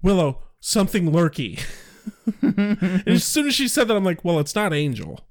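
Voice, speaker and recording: A man co-hosting a podcast in casual chat, animated and acting out quotes as he recaps. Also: high-pitched, moderate pace, no echo, clean studio sound. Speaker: podcast co-host.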